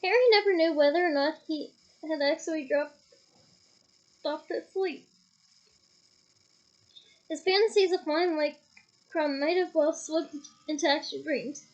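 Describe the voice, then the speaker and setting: A woman's voice: sits high, a little slow, long pauses. A woman reading a novel aloud, casually stopping to comment on the story, on a dull, lo-fi home recording. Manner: casual, stops to comment and laugh. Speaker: audiobook reader.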